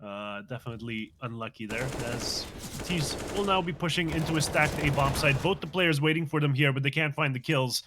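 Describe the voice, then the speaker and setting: A man doing live play-by-play commentary on a competitive shooter match, reacting quickly to the action. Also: medium pitch, background noise. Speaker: esports commentator.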